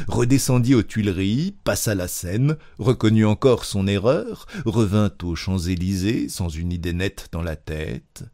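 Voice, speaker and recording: Man narrating a story, gravelly voice, lively intonation, lowish pitch. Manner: expressive, measured storytelling. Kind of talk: literary reading.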